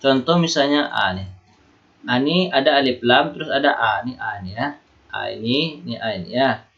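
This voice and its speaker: A man teaching Quran recitation rules to university students. He explains slowly and repeats himself, and he chants the Arabic examples in long drawn-out tones. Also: medium pitch, fairly bright tone, muffled recording. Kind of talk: online lecture.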